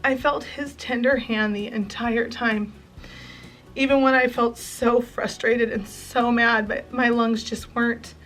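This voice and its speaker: A fairly high-voiced woman in her forties talks straight to her viewers from home, earnest and thankful. She sounds close to tears, her voice thick with feeling, with soft music playing faintly underneath. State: near tears. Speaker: home and craft vlogger. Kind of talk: heartfelt vlog to camera.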